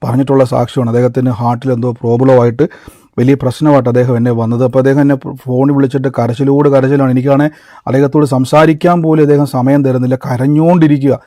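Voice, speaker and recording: Guy preaching, mellow voice, dry recording, tells stories and calls everyone brother. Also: mid-range voice, level tone, quick pace, no room sound. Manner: storytelling, addresses listeners as brother and beloved, mixes in English words. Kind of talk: conversational sermon with personal testimony.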